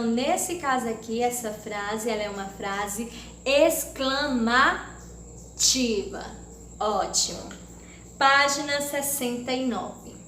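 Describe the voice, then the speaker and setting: A woman from Brazil teaching a grammar lesson to young children, speaking slowly and deliberately and exaggerating her intonation when she reads example sentences. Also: high voice, a bit bright. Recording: echoey room with faint background noise.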